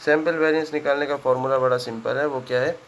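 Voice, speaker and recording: A man's voice: mid-range voice, steady tone, fast, poor audio. Man teaching, checking in after every step. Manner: conversational, checks in often with "ठीक है?", works sums aloud. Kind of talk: whiteboard statistics lesson. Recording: faint background noise.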